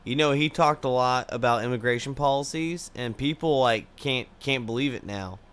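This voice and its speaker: A man's voice: mid-range voice, normal speed, fairly bright tone, clear, resonant tone. A man chatting casually as a co-host, dropping laid-back, joking remarks. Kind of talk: casual chat.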